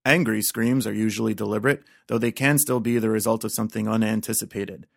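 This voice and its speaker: A man hosts a comedy podcast with a scripted, mock-informative monologue. His voice sits on the low side and has a strong creak. He keeps a deadpan delivery, and the sound is very dry, with no room echo. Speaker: podcast host.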